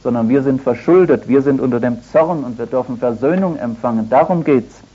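A man's voice: mid-range voice, a little fast, slightly rough. Older guy preaching a sermon, chatty and a bit wry, muffled old radio sound, mid voice. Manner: conversational, anecdotal preaching with gentle humor. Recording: dull lo-fi radio recording.

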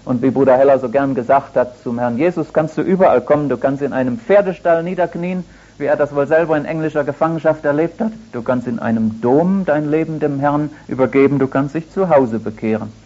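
An older man giving a sermon in a conversational way, with anecdotes and gentle humor. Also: fairly high pitch, brisk. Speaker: preacher. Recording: dull lo-fi radio recording.

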